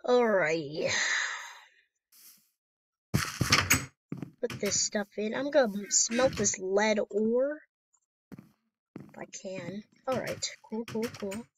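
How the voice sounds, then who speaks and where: A young woman chatting casually as she plays through a video game, giggly and quick to burst into dramatic outbursts. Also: mid-range voice, a little hiss or hum, low-quality recording. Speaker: gaming YouTuber. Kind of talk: casual let's-play commentary.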